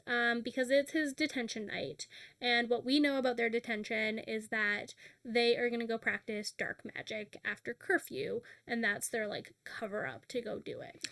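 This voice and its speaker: High-voiced woman animatedly recapping a book. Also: no room sound, studio quality. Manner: animated retelling, acting out characters' lines with filler words. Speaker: podcast co-host recapping a book. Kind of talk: casual recap chat.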